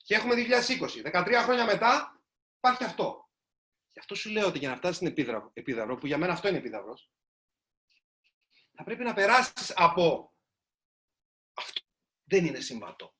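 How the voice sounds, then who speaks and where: A man's voice: high-pitched, sing-song, long pauses, bright, forceful tone. A man, a writer, giving a storytelling talk to a live audience and addressing them directly.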